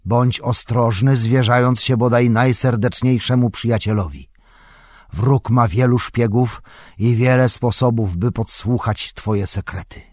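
A man voicing a stern old male wizard, speaking gravely and measured. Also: medium pitch, darkish tone, no echo, voice pushed up, natural voice.

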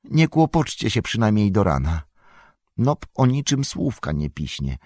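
A man's voice: lowish voice, a little slow, no echo, studio quality, pitched above the performer's own voice, full character voice. Butterbur, a man doing a jumpy fussy innkeeper. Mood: fretful. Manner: excitable, fussy and rambling. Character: jumpy talkative middle-aged male innkeeper.

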